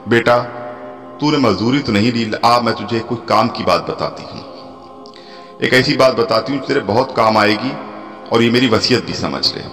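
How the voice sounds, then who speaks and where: A man's voice: moderate pace, close to an everyday voice. A man putting on a tearful elderly woman. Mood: urgent. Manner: tearful, pleading, rising to high emotional appeals. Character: pleading elderly woman from Mecca. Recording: long hall reverb with soft music.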